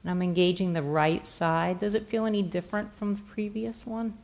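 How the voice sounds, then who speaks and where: A middle-aged woman gently and softly explaining a hands-on therapy demonstration step by step on stage. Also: on the low side, steady tone, brisk. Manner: gentle, soft-spoken. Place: on a stage in a theatre, indoors.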